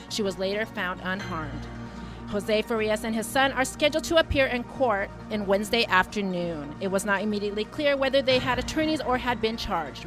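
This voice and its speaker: A woman co-hosting a radio show, reading a news bulletin in a steady, measured way. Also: fairly high pitch, rough recording. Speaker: radio co-host and news reader. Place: radio studio.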